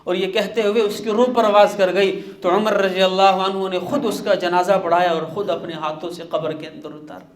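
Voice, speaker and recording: High-voiced man preaching a dramatic sermon. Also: fairly even intonation, hardly any pauses, roomy sound. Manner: dramatic storytelling, swinging between hushed and raised passages. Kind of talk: storytelling sermon.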